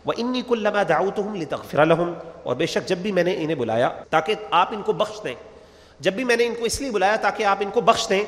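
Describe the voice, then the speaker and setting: A man's voice: high-pitched, fairly bright tone, in a large hall. A man teaching scripture verse by verse, reciting each line melodically and then explaining it in plain speech. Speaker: Quran teacher.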